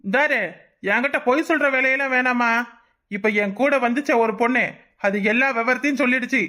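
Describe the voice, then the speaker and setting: A voice actor with a Kanyakumari Tamil accent plays a rich, threatening old man in a cartoon, blustering and menacing. The voice is high-pitched, fairly quick, pushed and bright.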